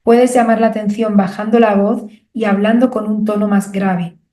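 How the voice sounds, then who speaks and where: Woman from reading a how-to audiobook, calm measured teacher tone, bit of room echo. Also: medium pitch. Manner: clear, measured, didactic delivery with rhetorical questions. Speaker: audiobook narrator and author. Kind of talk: instructional audiobook narration.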